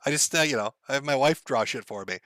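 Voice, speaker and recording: A man hosting a livestream, reading viewer donations out loud and telling stories in a casual, profane way, often laughing. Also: medium pitch, fast talker, no echo. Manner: profane, laughing, rambling storyteller.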